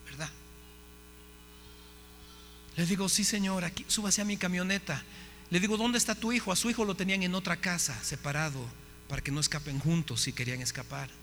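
A man, a pastor, telling a story in a sermon with lively acted-out dialogue. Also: high voice, a little fast, long pauses. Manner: animated storytelling, acting out dialogue. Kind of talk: sermon testimony. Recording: hall reverb, faint hum.

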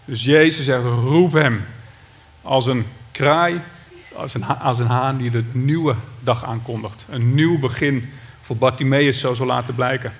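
A man with a Dutch accent preaches a sermon at a medium pitch. He reads scripture aloud, then retells it with dramatic flair and now and then shouts out the cries of the story. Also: a little slow, slight background noise. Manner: dramatic, shouts out the beggar's cry. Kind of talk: sermon with Bible reading.

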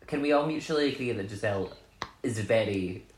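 A man's voice: on the low side, lively intonation, a little fast, a little hiss or hum. A Scottish man, a drag queen on a podcast, talks in a playful, giggly way. His voice swings widely up and down, and the room around him rings with echo. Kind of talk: casual chat. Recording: roomy echo.

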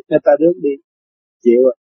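A man's voice: a little high, sing-song, brisk, slightly rough, narrow, tinny audio. An older man giving a dharma talk as a spiritual teacher, telling stories in a chatty way and laughing often.

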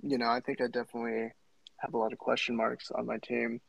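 A man's voice: mid-range voice, monotone, fast talker, vocal fry, no echo, rough recording. A man guesting on a casual basketball podcast, hesitant and full of fillers. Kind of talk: casual fantasy basketball chat.

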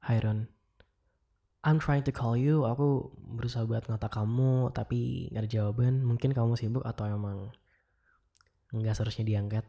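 A young man with an Indonesian accent playing a caring, wistful ex-boyfriend in a gentle, casual, intimate voicemail monologue, mixing in English. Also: mid-range voice, steady tone, moderate pace, vocal fry, long pauses. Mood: wistful, tender. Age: young adult.

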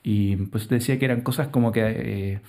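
A man from Mexico reflects in a calm, hesitant way, pausing to choose his words. His voice is dark and mellow, at a middle pitch. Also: gravelly. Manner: thoughtful, hesitant, with restarts. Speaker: interviewee. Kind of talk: reflective testimony.

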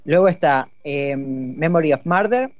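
A man's voice: fairly high pitch, expressive, measured pace, no echo. A man with an Argentine accent hosting a casual podcast chat, joking and dropping lots of filler sounds. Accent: Argentine Spanish. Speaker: podcast host. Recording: dull lo-fi dry audio, faint music.

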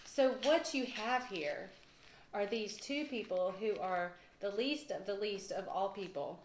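A woman, co-hosting a casual Bible discussion, chatty and quick to laugh at herself. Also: mid-range voice. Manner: chatty, laughs often, self-deprecating. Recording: echoey room with faint noise.

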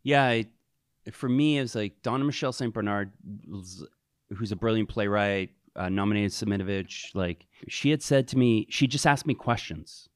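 Low-voiced man hosting a chat. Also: moderate pace, clean tone, dry recording, studio quality. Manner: loose, filler-heavy questioning. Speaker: podcast host. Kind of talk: casual interview chat.

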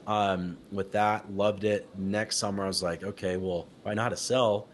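Low-voiced man telling stories animatedly. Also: normal speed, slight background noise. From Utah. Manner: animated, laughs often, acts out quotes. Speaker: guest, company founder. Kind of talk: casual interview storytelling.

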